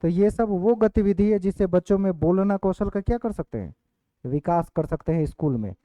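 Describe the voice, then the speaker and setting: A fairly high-voiced man teaches an online exam-prep class, dictating points slowly and saying each one twice. The sound is narrow and phone-like. It is very dry. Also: no room sound.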